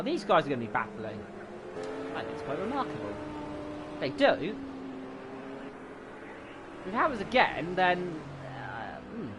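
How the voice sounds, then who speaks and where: A man doing live motorsport commentary in an excitable, exclaiming play-by-play manner. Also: high voice. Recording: noisy, car engine sound behind.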